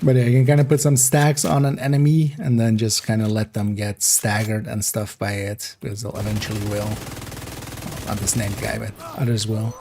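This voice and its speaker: A man streaming a game, chatting casually in a rambling, relaxed way and laughing often. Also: lowish voice, moderate pace, background noise. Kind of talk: casual gameplay livestream chat.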